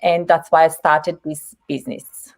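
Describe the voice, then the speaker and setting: Woman from Bosnia, lowish voice, steady with ums, video call. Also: unhurried. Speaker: panel guest.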